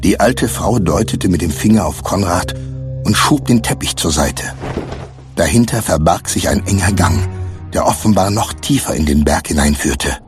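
A man reading a children's adventure story aloud with expressive scripted narration. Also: low voice, normal speed, music in the background. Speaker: audiobook narrator.

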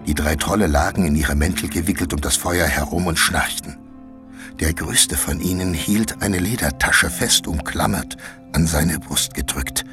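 A man narrating a children's audiobook with expressive storytelling, voicing each character himself. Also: very deep voice, normal speed, over music.

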